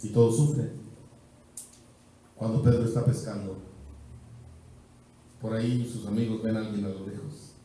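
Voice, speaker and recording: A male pastor with a Mexican accent preaching an evangelistic sermon, building through repeated phrases and falling back to quiet stretches. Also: fairly low pitch, fairly even intonation, moderate pace, long pauses, slight background noise. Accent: Mexican Spanish. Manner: rhythmic preaching with repeated phrases, swelling and dropping. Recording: very echoey church hall, mic far off.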